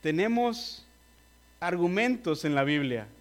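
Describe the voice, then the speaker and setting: A man delivers a sermon in a notably high voice. He speaks earnestly and presses his listeners directly, with a slightly nervous edge. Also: very animated, takes it slowly. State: nervous, admits trembling. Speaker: preacher.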